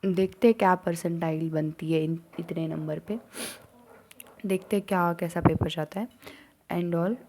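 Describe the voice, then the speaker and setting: A young woman from India, a student vlogger chatting casually to camera and telling a story with animated rushes and soft near-whispered asides. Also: lowish voice. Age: young adult. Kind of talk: casual chat.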